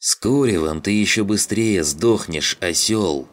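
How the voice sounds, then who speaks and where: A man voicing a gruff, bossy male scavenger leader who swears and barks orders. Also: low-pitched, unhurried, voice pushed up. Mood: irritated. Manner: rough, swearing, barking orders.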